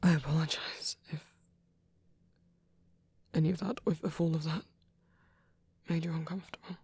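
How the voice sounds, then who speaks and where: Voicing a shy, gentle and protective male vampire priest for an intimate ASMR roleplay, the performer speaks softly and breathily in hesitant, tender phrases. The tone is steady and medium-pitched at normal speed with no echo, sounding nervous and apologetic.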